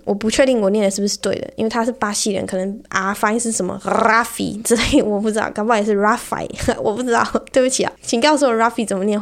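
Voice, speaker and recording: A woman from Taiwan with a Taiwanese Mandarin accent, hosting a podcast in a chatty, rambling, self-mocking way. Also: medium pitch. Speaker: podcast host. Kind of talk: casual podcast chat.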